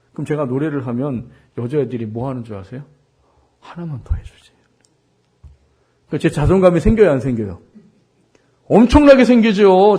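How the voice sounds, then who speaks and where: With a husky, worn, mellow voice of medium pitch, a South Korean pastor in his forties preaches on Sunday, sharing personal anecdotes. Rhetorical questions to the congregation and repeated words for emphasis mark his delivery.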